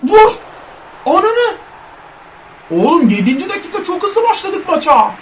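Excitable male gaming commentator, high voice, shouts and trash-talks teammates, faint background noise. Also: a little slow. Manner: jokes as an overweight footballer in first person. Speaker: gaming YouTuber. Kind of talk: excited live gameplay commentary.

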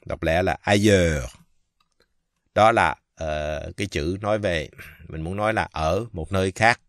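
A man from Vietnam giving a casual pronunciation lesson, speaking slowly and haltingly with many fillers and drawing out the example words. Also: low voice, fairly bright tone, dry recording, studio quality. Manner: slow, halting, many fillers, repeats French words drawn out. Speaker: French teacher.

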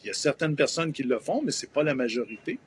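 A husky, mid-range male voice with lively intonation and a fast pace belongs to a promoter in his fifties with a Québécois French accent. He's explaining things in a hesitant live TV interview full of fillers, coming through a remote video link.

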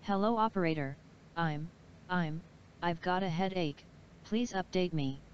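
Woman doing a dazed female AI just rebooted, soft and unsure, kinda muffled lo-fi sound, slightly low voice. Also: unhurried, slight background noise, close to an everyday voice. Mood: groggy. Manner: quiet, hesitant, polite. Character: groggy freshly rebooted female AI computer. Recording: dull lo-fi sound.

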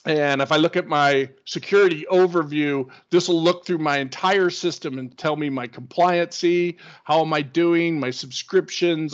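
A man presenting a screen-share tech webinar, explaining in an enthusiastic, conversational way. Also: fairly high pitch. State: hiccups. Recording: dull lo-fi webinar audio.

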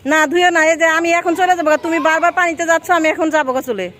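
A woman, talking casually and coaxingly to a child for a vlog, asking questions and giving gentle instructions outdoors by the water. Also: very high voice, racing, soft background music. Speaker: vlogger.

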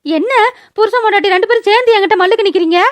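A woman's voice: rapid-fire, dry recording. A woman voicing a scheming, argumentative younger sister defending herself, in a cartoon. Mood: defensive. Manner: shrill and argumentative. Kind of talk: cartoon voice acting.

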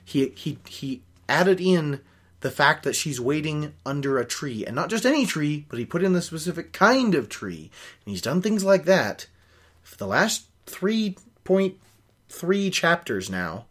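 In a small home office, a young man hosting a reading show works through a novel aloud, pausing for opinionated nitpicking. His voice sits a little high, with a sing-song lilt, a fairly bright tone, and an unhurried pace.

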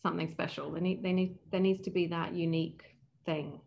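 This opera casting director has a lowish, a little mellow voice with flat delivery, vocal fry, and a brisk pace, with slight background noise. Interviewed casually as a guest over video call, she's thoughtful and tends to restart her sentences.

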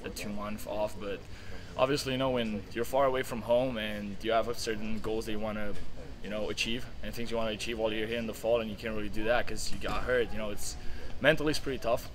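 A man's voice: fairly low pitch, steady tone, quick pace, poor audio. A young man, a college tennis player, giving a casual post-match interview outdoors at night by the courts, earnest and full of fillers. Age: young adult.

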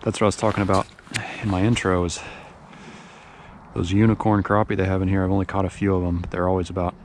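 Loud wind batters the mic of a body-worn action camera as a fishing vlogger in his forties ice fishes outdoors on a frozen pond. He speaks with a low pitch at a quick pace, keeping up casual running commentary that spikes with excitement when fish bite.

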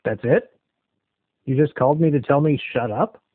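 This call recipient keeps a scam caller on the line, questioning them with blunt skepticism. He speaks at a moderate pace in a fairly high voice, and the phone audio is tinny and narrowband.

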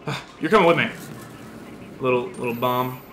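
A man doing let's play commentary on a horror game, excitable and jumpy, swearing often. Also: medium pitch, normal speed. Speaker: gaming video host. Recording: roomy with steady background noise.

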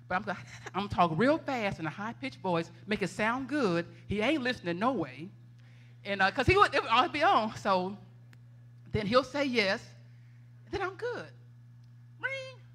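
Woman, preacher, animated storytelling, bright forceful voice, church. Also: medium pitch, moderate pace, slightly rough. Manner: animated, laughing storyteller, conversational. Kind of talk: testimony sermon. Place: church sanctuary.

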